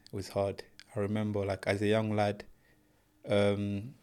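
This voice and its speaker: A man's voice: on the low side, monotone, a little slow, darkish tone, smooth. Young guy from congo, english not his first language, earnest and plain, calls the host bro. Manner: earnest, plain storytelling, says "bro" often. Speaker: guest, professional boxer. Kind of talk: casual interview.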